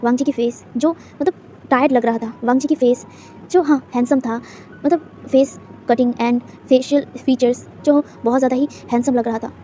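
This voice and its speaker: A woman narrating a fan fiction story in a rapid, casual retelling full of fillers and restarts. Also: high voice, fairly even intonation, dark tone, slight background noise.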